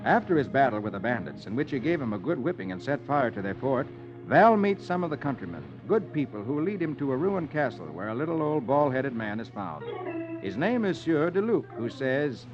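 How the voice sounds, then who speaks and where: On a muffled old radio recording with music, a man hosting a 1950s children's show reads the comics aloud like a theatrical, sing-song storyteller. His mid-range voice swings widely in pitch and moves briskly.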